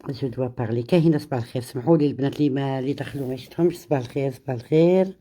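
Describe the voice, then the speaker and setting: A middle-aged woman hosts a casual live chat. She greets viewers one by one in a relaxed way, and her voice sits low and dark. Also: rapid-fire. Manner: switches between French and Arabic, greets viewers by name. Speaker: live stream host.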